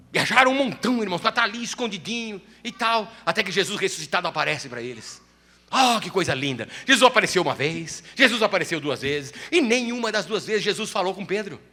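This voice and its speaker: Male pastor, sermon: high, bright and very animated, church hall reverb. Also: brisk. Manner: animated storytelling preacher.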